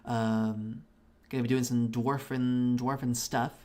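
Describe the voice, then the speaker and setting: Dark in tone and level at a medium pitch, he takes his time. The speaker is a Belarusian man, Russian by first language, swearing freely and wandering through restarted sentences as he chats during a gaming stream.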